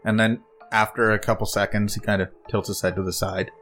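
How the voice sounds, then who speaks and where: A man with a very deep voice narrates a tabletop role-playing scene as game master. He pauses often and restarts his sentences. Soft music plays faintly behind him. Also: little pitch movement. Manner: halting, full of fillers and restarts.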